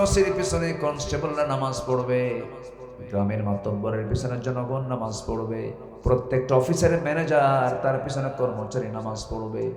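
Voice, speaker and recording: A man preaching a Bengali waz sermon, laying out numbered points, drawing call-and-response from the crowd, chanting Quran verses and rising suddenly into shouts. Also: medium pitch. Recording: echoey hall with long reverb.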